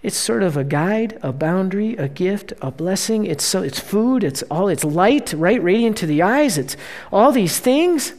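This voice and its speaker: A preacher giving a sermon at an ordinary, middling pitch. The delivery is conversational and keeps checking in with the congregation. Emphatic, lifted bursts give way to quiet, drawn-out phrases. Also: lively intonation. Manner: conversational preaching, frequent "right?" check-ins; swings between emphatic bursts and hushed, slowed phrases.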